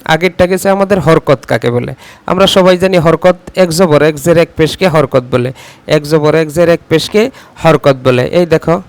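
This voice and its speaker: A man with a Bangladeshi Bengali accent teaches a class, repeating each question so it can be written down and sounding out letters one at a time. His voice sits a little high and comes through smooth and resonant. The recording is close and dry. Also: no room sound. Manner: repeats questions slowly for dictation. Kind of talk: classroom lesson dictation.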